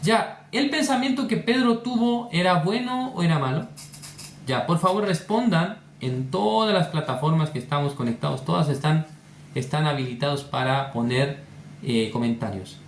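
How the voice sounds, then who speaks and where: A man preaching a sermon, often turning to his listeners with rhetorical questions. His voice sits high and swings widely in pitch. It echoes around a roomy space with a faint hiss. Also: normal speed. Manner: animated, asks the audience rhetorical questions.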